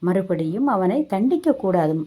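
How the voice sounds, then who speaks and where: A woman voicing a kindly old village grandmother who gently consoles and urges calm. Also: medium pitch, normal speed, breathy edge. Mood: consoling.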